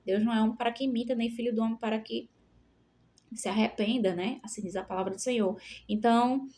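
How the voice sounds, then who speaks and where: Brief: woman, fairly high voice, relaxed Bible teacher, talks loosely with lots of fillers. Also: quick pace. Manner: frequent fillers and tag questions. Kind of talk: informal Bible study reading and explanation.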